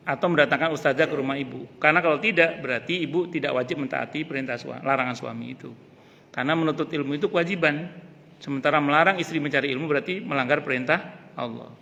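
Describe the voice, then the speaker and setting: A man a tinge gives a casual religious lecture, lively and joking. His voice is bright and a little high. A long reverb from the mosque hall trails behind him. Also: vocal fry. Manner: lively, joking asides, repeats key phrases. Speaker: ustadz teaching a mosque study group.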